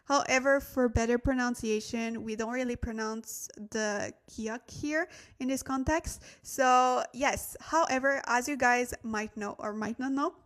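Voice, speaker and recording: A woman's voice: fairly high pitch, a little slow, hardly any pauses. A woman hosting a casual livestream language lesson, chatting directly to viewers and thinking aloud as she checks and corrects herself. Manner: addresses viewers directly, thanks new followers.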